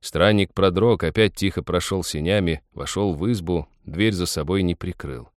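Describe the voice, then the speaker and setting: A man reading an audiobook story in a calm, measured way. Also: deep voice, dry recording, clean studio sound. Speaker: narrator. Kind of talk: audiobook narration.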